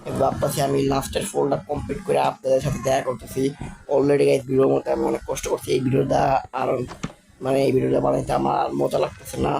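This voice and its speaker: A young man, still a school student, commenting casually on his Minecraft build in a halting, stammering way, speaking slowly on purpose. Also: medium pitch, completely flat delivery, creaky. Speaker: gaming channel host.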